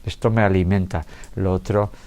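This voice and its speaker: In a lecture room, a man with a somewhat low voice, a doctor, presents a public health lecture to an audience at a normal speed. He keeps it relaxed and conversational, tossing out rhetorical questions and checking in with the listeners as he proceeds.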